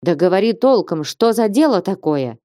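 Calm sensible merchant guy, lady reader doing him, mellow low-key voice. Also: moderate pace, no echo, clean studio sound, natural voice.

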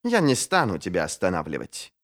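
A man's voice: low-pitched, wildly swooping pitch, a little fast, fairly bright tone, heavily acted. A man voicing a fierce, sullen young woman warrior who speaks curtly. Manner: curt, blunt.

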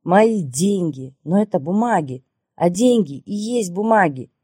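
A woman reading as an excited man. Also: fairly low pitch, moderate pace, dry recording, studio quality, natural voice. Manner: emotional, exclaiming. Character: excited man, a reformed businessman.

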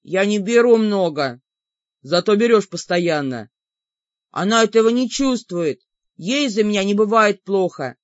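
A woman voicing a gruff, grumbling male demon in an audiobook. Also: mid-range voice, lively intonation, measured pace, dry recording, close to an everyday voice. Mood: scolding. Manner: grumbling, reluctant. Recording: dull lo-fi dry recording.

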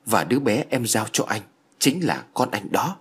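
A man's voice: on the low side, very animated, moderate pace, slightly rough. A man voicing a stern, vengeful young female ghost in a spoken ghost story. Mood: insistent. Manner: stern, urgent.

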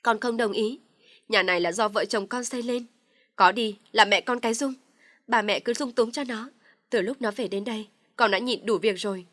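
A woman voicing a young husband who protests loudly and indignantly in an audio story. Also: medium pitch, brisk, no echo, natural voice. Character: angry young husband standing his ground.

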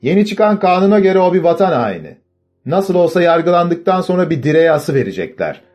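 A man voicing an angry man from a revolutionary mob, shouting high and loud. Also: very animated, brisk, faint music behind. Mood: furious. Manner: shouting, furious.

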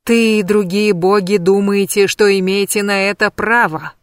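A vengeful witch, as a woman reader puts her on, hisses her prophecy slowly and with menace. The storybook voice sits mid-height and is recorded dry and close. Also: medium pitch, steady tone, no echo, lightly acted. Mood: menacing. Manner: slow, hissing, menacing.

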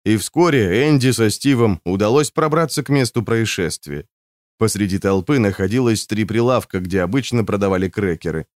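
A man narrating a novel as an audiobook, with an expressive reading. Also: medium pitch, dry recording, studio quality.

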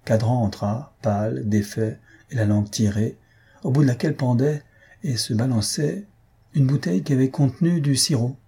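A man narrating a comic story for an audiobook, steady and even. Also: mid-range voice, normal speed, creaky, breathy edge.

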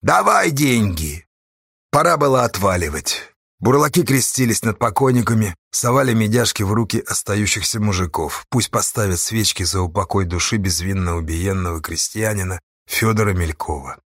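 A man reading a novel aloud in steady, measured narration. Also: on the low side, no echo, studio quality. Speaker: audiobook narrator. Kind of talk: scripted narration.

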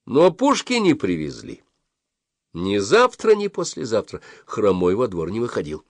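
Expressive male audiobook narrator. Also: fairly low pitch, a little slow, no room sound, clean studio sound. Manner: expressive storytelling. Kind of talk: scripted narration.

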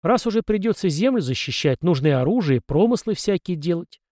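A man's voice: sits high, lively intonation, brisk, a little mellow, no echo, clean studio sound, voice pushed up. A man voicing a stubborn young soldier who answers with blunt, sarcastic retorts.

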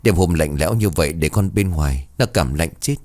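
A worried middle-aged father murmuring urgently to his wife in a told ghost story, as a man reads his lines. The voice is deep, animated and dry. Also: fairly quick, no room sound. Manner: low, urgent, whispering close.

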